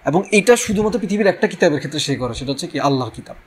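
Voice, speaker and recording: A man's voice: a little high, lively intonation, racing, slightly rough. Conversational male preacher, rhetorical questions. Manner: conversational, asks rhetorical questions, mixes English words. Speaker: Islamic preacher. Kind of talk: religious talk.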